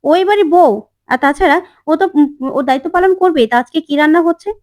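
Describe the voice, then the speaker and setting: A woman's voice: extremely high pitch, quick pace, darkish tone, voice pushed up. A woman reading a cheerful, eager young husband.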